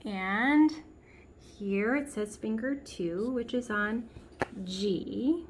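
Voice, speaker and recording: A woman's voice: a little high, very slow, slight background noise. A woman giving a step-by-step piano lesson, patiently explaining and counting and half-singing the beats aloud. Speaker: piano teacher. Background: piano played along.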